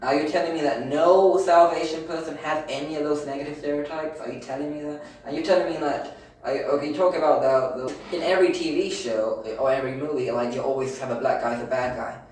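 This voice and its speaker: A man's voice: a little high, fast talker, darkish tone, a little hiss or hum. A British man co-hosting a podcast, arguing his points in a rambling, repetitive way during a casual debate. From Britain. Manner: rambling, argumentative, repeats himself. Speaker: podcast co-host. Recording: very echoey room, distant mic.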